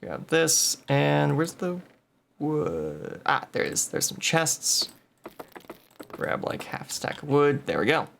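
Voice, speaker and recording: A man's voice: on the high side, very animated, takes it slowly, creaky, a little hiss or hum. A man hosting a gameplay video, thinking aloud and muttering numbers as he plays. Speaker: game video host. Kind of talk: casual gameplay commentary.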